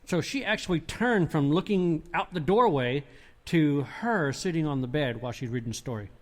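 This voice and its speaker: A man's voice: on the high side, moderate pace. A man, a paranormal investigator, telling his experiences in a casual podcast interview, rambling with restarts. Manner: rambling, restarts, animated retelling.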